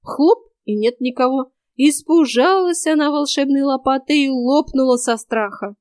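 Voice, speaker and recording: A woman's voice: high-pitched, normal speed, a little mellow, no room sound, clean studio sound, natural voice. A woman reading an audiobook voices a boastful, simple-minded young male hero with rustic speech.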